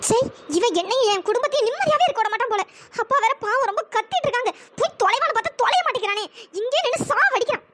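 A woman voicing a bitter young wife in a cartoon, speaking quickly and scornfully. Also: very high-pitched, animated, soft background music. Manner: fast, sharp, scornful.

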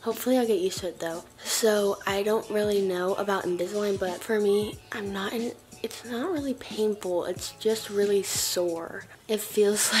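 A teenage girl vlogging in casual chat, talking with a slight new lisp and lots of fillers. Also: medium pitch. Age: teens. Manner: chatty, filler-heavy, bubbly. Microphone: camera mic.

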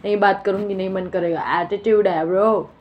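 A woman's voice: mid-range voice, fairly even intonation, brisk, dull audio, a little hiss or hum, voice pushed down, lightly acted. A woman voicing her pet dog as a sassy young female with attitude, talking in a bored, dismissive drawl.

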